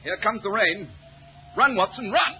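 An actor playing a brisk, self-assured British detective with a crisp, commanding, theatrical delivery in an old radio drama. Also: male voice, on the high side, big pitch swings, soft background music. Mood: urgent. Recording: tinny, noisy old radio recording.

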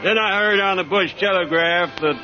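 An actor playing a downcast, terse Western marshal in a comic radio sketch. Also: male voice, high voice, normal speed, bright, forceful tone. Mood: glum. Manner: terse, glum. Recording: slightly dull, music behind.

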